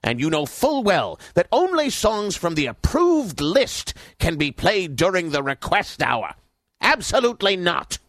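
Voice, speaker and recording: A man playing a miserly, bullying radio station boss in an audio drama, haughty, fussy and sharp in manner. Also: sits high, big pitch swings, measured pace, no echo, heavily acted. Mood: scornful, irritated.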